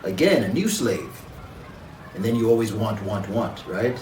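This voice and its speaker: A man from Jamaica, a guest in an interview, speaking in a measured, reflective way with frequent pauses and fillers. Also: on the low side, lively intonation, a little mellow, reverberant, recorded from a distance, soft background music, poor audio. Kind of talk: conversational interview.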